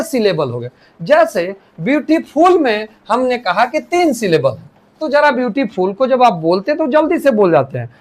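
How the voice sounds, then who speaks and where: Lively man teaching, slowly spelling out words. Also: extremely high pitch. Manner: repeats and restarts, slowly spells out words and dictates English sentences. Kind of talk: classroom grammar lesson.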